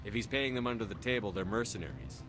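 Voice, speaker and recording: A man's voice: on the low side, sing-song, fast talker, fairly bright tone, faint music behind. An actor playing a tough human male commander in a video game, speaking tersely and bluntly.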